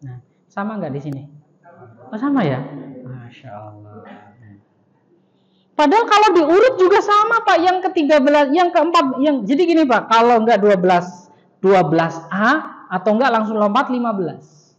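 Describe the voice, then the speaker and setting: A man's voice: very high voice, very animated, normal speed, long pauses, fairly bright tone. A male Islamic teacher giving a conversational study lecture in a mosque, joking and putting rhetorical questions to the audience. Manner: fills phrases with "ya" and "nah". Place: mosque hall. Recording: reverberant mosque hall, dull lo-fi sound.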